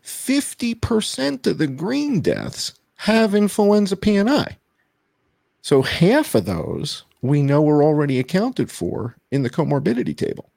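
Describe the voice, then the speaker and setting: Guest man heard over a video call, husky gravelly voice, lively emphatic delivery, dry sound. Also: a little high, measured pace, no echo. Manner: emphatic, repeats key points. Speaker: guest presenting data. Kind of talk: explanatory interview talk.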